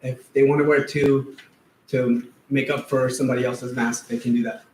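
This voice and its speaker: A man's voice: medium pitch, flat delivery, normal speed, darkish tone. Hesitant man at a school board podium. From Afghanistan. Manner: informal, hesitant, lots of fillers. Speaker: parent giving public comment. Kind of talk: public comment speech. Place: large meeting room. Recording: echoey room, faint noise.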